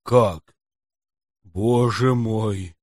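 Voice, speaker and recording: A man's voice: medium pitch, expressive, a little slow, no room sound, clean studio sound, close to an everyday voice. A man voicing an anxious middle-aged detective who talks in a fussy, wheedling, melodramatic way in an audiobook. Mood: distraught. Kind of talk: audiobook character voice.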